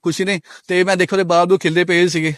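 Young guy from indian punjab, rattling off his complaint super fast, high-ish voice, dry sound. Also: flat delivery, no room sound. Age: young adult. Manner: rapid, repetitive, insistent telling. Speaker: complainant interviewed by reporters. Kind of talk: street interview.

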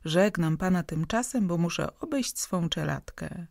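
A woman voicing a brisk, kindly young lady who manages tenants in an audiobook, firm but friendly. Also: fairly low pitch, lively intonation, gravelly, a little mellow, no room sound, clean studio sound.

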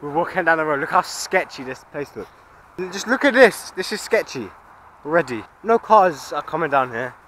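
A man's voice: on the high side, very animated, normal speed, a bit bright, slight background noise, rough recording. A young man chatting casually on a vlog outdoors, joking and swearing as he walks. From England. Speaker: vlogger. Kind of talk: casual chat. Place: outdoors on roads and a woodland station.

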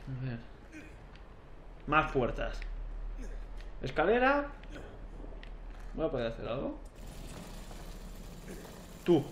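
A man commenting on a horror game as he plays, swearing and shouting when something scares him. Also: medium pitch, takes it slowly, long pauses, a little hiss or hum. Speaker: gameplay commentator. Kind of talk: let's play commentary. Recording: roomy echo with faint game ambience.

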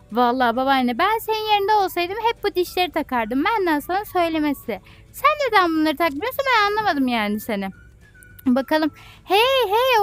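Very high-pitched excitable woman gamer. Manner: excitable, playful, squeals and shrieks in alarm. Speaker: gaming YouTuber. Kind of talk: playful gameplay commentary.

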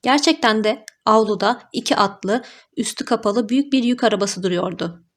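A woman narrating an audiobook with an even, measured reading style. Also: fairly high pitch. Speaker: audiobook reader. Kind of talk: scripted narration.

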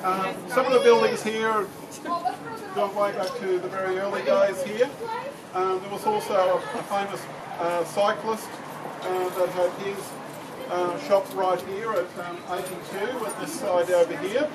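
An older Australian man with a fairly high voice leads a walking tour outdoors. He reads from his notes, restarting words and filling gaps with um and uh. Clear traffic and street noise sit behind him, picked up by a camera at a distance. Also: fairly even intonation, unhurried, a crowd in the background. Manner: reads aloud from notes, with many ums and restarts. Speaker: tour guide. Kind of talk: reading and explaining on a walking tour. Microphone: far camera.

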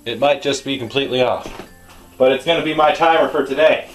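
A young man casually introducing his vlog in a deadpan, reluctant way. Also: medium pitch, fairly quick, over loud music. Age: young adult. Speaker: vlogger. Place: indoors at home. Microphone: camera mic. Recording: roomy, slightly distant camera microphone.

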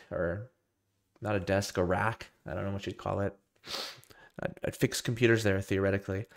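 Young guy on a live stream, kinda nasal from a cold, lowish voice, rambles and restarts a lot. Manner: rambling, loose and self-deprecating, many restarts. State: tail end of a cold. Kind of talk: casual live-stream chat. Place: home room with a computer rack.

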